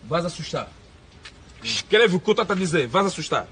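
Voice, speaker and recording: A man's voice: on the high side, big pitch swings, moderate pace, fairly bright tone, a little hiss or hum. A young man with an Angolan Portuguese accent arguing angrily on the street, repeating threats and warnings. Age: young adult. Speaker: angry client. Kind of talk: heated street argument.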